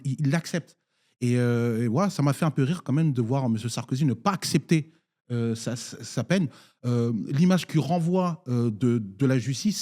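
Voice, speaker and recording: A man from Nigeria taking part in a political debate as a municipal councillor. He speaks haltingly, with frequent fillers and restarts, in a mellow, dark voice at a middling pitch. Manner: hesitant, many fillers and restarts.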